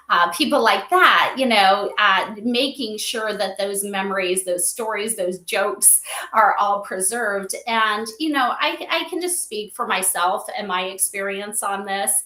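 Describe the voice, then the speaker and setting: A middle-aged woman, a guest who works as a spirit advisor for an AI memorial company, speaks earnestly and at length in a conversational interview, sharing personal anecdotes. Her mid-range voice has a sharp tone, and the livestream audio sounds roomy and echoey.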